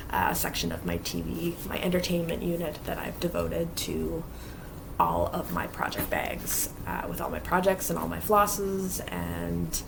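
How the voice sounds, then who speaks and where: Background noise accompanies a woman's lowish, creaky voice as she vlogs from her basement crafting space. She chats and rambles about her cross-stitch with many fillers, sounding somewhat stuffy from allergies.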